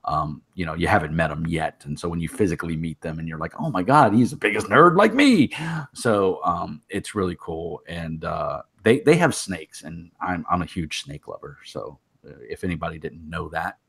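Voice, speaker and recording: Low husky man, joking host. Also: steady tone, moderate pace. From Texas. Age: 50s. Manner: joking, teasing, laughs often. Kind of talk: casual interview chat.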